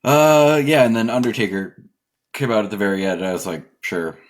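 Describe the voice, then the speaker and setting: A man's voice: on the low side, animated, a little fast. A man co-hosting a podcast, talking casually, laughing often and working through his notes. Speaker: podcast co-host.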